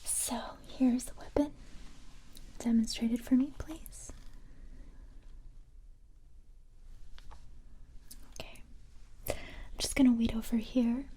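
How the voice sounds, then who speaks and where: On the high side and slightly rough, a woman's breathy whisper plays a calm, confident special-forces police recruiter in a soft-spoken ASMR roleplay. She keeps things gentle, unhurried and matter-of-fact, in a calm, businesslike mood.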